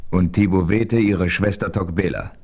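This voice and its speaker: Narrating his own adventure in a 1970s radio play, a seasoned frontier hero speaks in a very low voice. His tone is firm, and he stays calm, measured and authoritative.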